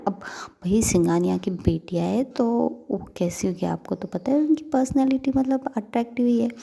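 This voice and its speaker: A woman's voice: on the high side, normal speed, vocal fry, warm tone, slightly rough. A young woman narrating a story casually, chatty with many fillers, talking to her listeners.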